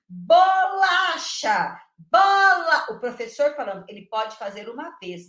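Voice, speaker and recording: A woman educator giving an animated live online class, speaking emphatically and checking in often with her viewers. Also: medium pitch, reverberant. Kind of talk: lively live-stream teaching talk.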